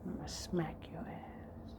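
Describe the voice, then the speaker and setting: A woman whispering as a dominant man, whispered role-play. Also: natural voice. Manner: slow, hushed, commanding. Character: dominant adult man whispering commands to his lover. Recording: noisy background.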